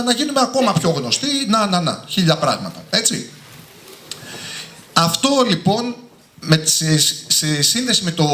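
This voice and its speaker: A man's voice: on the high side, bright, forceful tone. A man, an author and singer, giving an emphatic, passionate talk to a live audience at his book presentation. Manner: passionate, emphatic, often ending points with a tag word. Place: indoor hall with a live audience. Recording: echoey hall.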